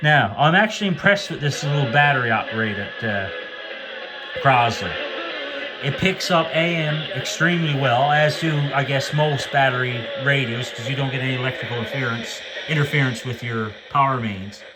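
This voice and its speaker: Behind the camera in a home room with radios on the floor, a collector casually shows off and compares old-style radios, his mid-range speech hesitant, moderately paced and full of fillers and restarts. The recording is low quality, with a loud crowd audible.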